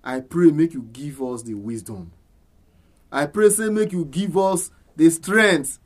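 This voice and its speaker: Male Nigerian church elder, slow delivery, slightly high pitch, prayer in Pidgin. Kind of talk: praying aloud in Nigerian Pidgin.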